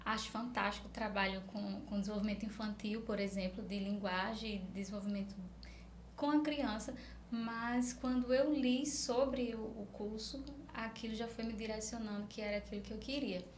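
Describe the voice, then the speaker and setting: This is a speech therapist, a woman with a Northeastern Brazilian accent, answering questions in a conversational interview and explaining through examples. Her voice is medium-pitched and steady at a normal pace. The recording has a roomy echo and faint background noise.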